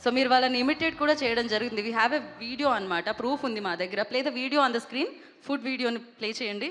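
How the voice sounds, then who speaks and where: Upbeat female emcee, bright tone, echoey event hall. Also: on the high side, quick pace. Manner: upbeat, mixes Telugu and English. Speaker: event host. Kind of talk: stage hosting.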